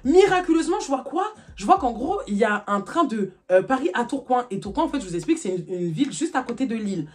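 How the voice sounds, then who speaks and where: A young woman telling a personal story in a casual vlog, animated and packed with fillers. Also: fairly high pitch. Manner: rapid, animated retelling full of fillers.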